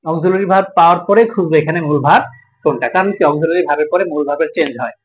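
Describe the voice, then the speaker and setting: A man's voice: a little high, very fast, highs cut off. A man with a Bangladeshi Bengali accent teaching an English grammar lesson, asking questions and answering them himself.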